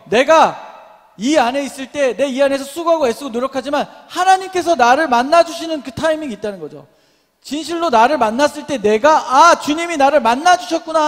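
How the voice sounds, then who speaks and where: A young pastor with a very high voice delivers a sermon at a young adults' service, his words filling a large church sanctuary. He keeps asking the congregation questions and calls out for responses and amens.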